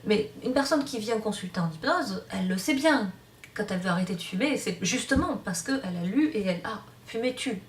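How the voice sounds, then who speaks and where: A woman's voice: medium pitch, lively intonation, brisk, far from the mic, slight background noise. French-speaking woman teaching hypnosis, hesitant. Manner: unscripted explaining with many fillers and restarts. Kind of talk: online lecture. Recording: roomy sound from off-mic.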